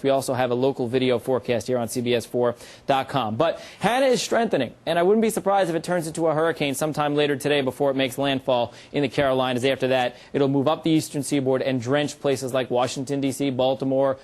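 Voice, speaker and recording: A man with an American accent delivering a broadcast weather forecast, explaining key points in an informative way with measured emphasis. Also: on the high side, darkish tone.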